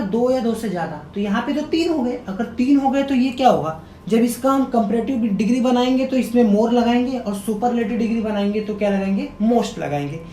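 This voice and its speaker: A male teacher giving a grammar lesson, quizzing his viewers by repeating key words as questions and sounding words out slowly. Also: warm tone. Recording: echoey room with faint rumble.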